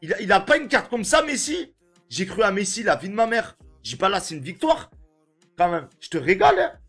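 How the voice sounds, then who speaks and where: A young man with a French accent, a gaming streamer giving slangy pack opening commentary and shouting when a good card comes up. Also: high voice, sing-song, brisk, soft background music.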